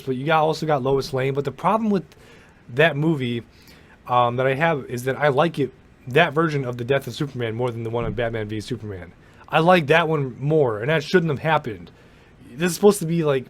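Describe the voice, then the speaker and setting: A young man giving a casual, rambling rant about a movie, with swearing and lots of restarts. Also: medium pitch. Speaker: movie commentator. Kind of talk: casual ranting movie commentary.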